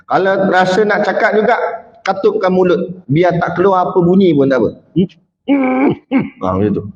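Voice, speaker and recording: A man with a Malay accent giving a religious lecture in an animated way, acting out quoted speech and often tagging his points with "ha" and "kan". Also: sits high, a little hiss or hum. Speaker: preacher. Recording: echoey hall, dull lo-fi sound.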